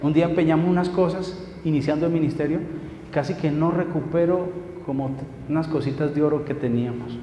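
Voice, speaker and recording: Speaking a little fast in a warm, fairly high voice with fairly even intonation, a middle-aged pastor delivers a sermon full of emphatic stories and questions for the congregation. The echoey hall adds long reverb, with faint noise in the background.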